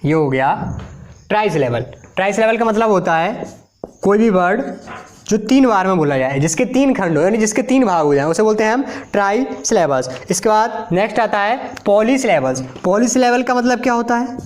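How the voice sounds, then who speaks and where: Male teacher, slow drilling delivery, classroom explainer. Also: high-pitched, animated. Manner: slow, repetitive, drills words one at a time. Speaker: English teacher. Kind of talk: explaining a lesson while writing on a board.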